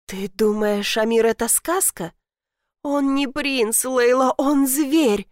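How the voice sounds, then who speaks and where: A woman's voice: high-pitched, slow pace, no room sound, clean studio sound, voice pushed up. A woman voicing a proud, defiant young heroine in an audiobook, snapping back.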